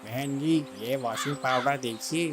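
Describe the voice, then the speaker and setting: A woman's voice: rumbling low, a little slow, voice pushed down. A woman voicing a male crow street peddler with hawking salesman patter.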